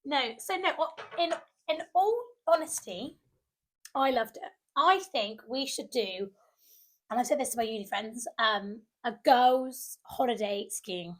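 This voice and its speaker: A woman's voice: on the high side, expressive, a little slow. A young woman, co-hosting a podcast and telling a story with lots of acted-out quotes. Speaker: podcast co-host. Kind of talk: casual chat.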